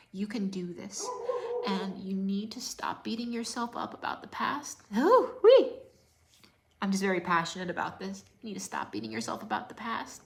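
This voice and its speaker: A woman's voice: medium pitch, creaky. A woman fitness coach giving an emotional motivational talk on a livestream, repeating key lines and dropping to whispers for emphasis.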